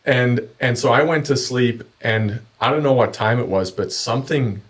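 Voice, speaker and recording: A man's voice: medium pitch, moderate pace. A man chatting casually and telling anecdotes in laid-back, slangy talk as a podcast guest. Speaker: podcast guest, kayak angler.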